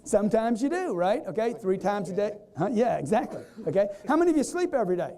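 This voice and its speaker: A man giving an energetic live sales seminar, quizzing the audience and acting out customers in quoted voices. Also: sits high, fast. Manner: energetic, repetitive, keeps quizzing the crowd. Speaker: sales trainer.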